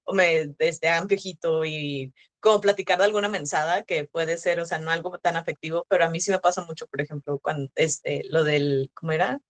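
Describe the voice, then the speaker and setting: A woman with a deep voice and a Mexican accent speaks a little fast as a podcast guest. She's a sex educator, and in this casual chat she tells stories in a relaxed, chatty way packed with slang and fillers.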